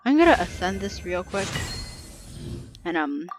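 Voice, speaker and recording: A woman with a fairly low, sing-song, unhurried voice gives casual let's play commentary, informal and reactive, thinking aloud while she plays over background game music.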